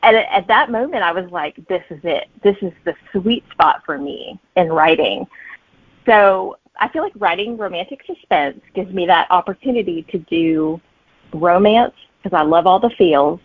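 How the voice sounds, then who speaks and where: A middle-aged woman with a voice on the low side talks at a moderate pace, with no room sound. She's a romantic suspense author, chatting as an interview guest and narrating stories alongside her own reflections. Her audio is thin and band-limited, as if over a phone.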